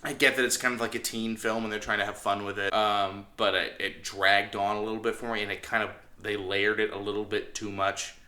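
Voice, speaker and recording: A man's voice: on the low side, level tone, fairly quick, few pauses, pushed and bright. A man hosting a casual movie review, rambling and often doubling back on his phrases. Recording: echoey room.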